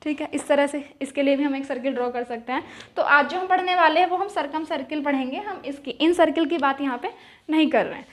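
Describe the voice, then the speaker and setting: A woman's voice: high voice, fairly quick. A young woman teaching geometry, asking questions and answering them herself, repeating key terms in words. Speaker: math teacher. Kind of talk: explaining at a whiteboard.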